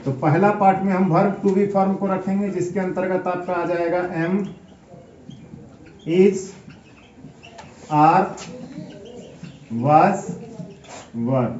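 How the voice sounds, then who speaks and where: A high-voiced man teaches grammar at an unhurried pace, putting questions to his students and answering them himself. His voice is mellow and sits in a roomy space, picked up from some distance. The sound is a bit dull. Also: a little hiss or hum. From India. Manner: asks questions then answers them, spells words letter by letter. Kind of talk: classroom grammar lesson. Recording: echoey room, picked up from a distance, slightly dull.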